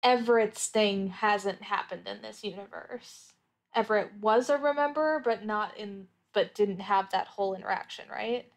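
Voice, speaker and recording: At a normal speed and medium pitch, a woman playing a tabletop roleplaying game for an actual play podcast chats casually, reasoning her answers out loud in a thoughtful way.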